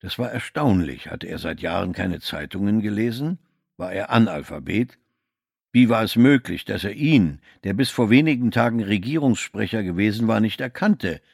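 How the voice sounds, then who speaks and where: A man reading a novel aloud as scripted audiobook narration, giving the characters' lines small shifts in pitch. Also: lively intonation, moderate pace, vocal fry, darkish tone, breathy edge, dry recording, clean studio sound.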